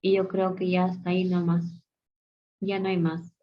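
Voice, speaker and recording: A woman teaching a class, repeating words aloud slowly as she points them out. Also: fairly low pitch, monotone, a little hiss or hum. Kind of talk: classroom lesson. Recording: dull lo-fi sound.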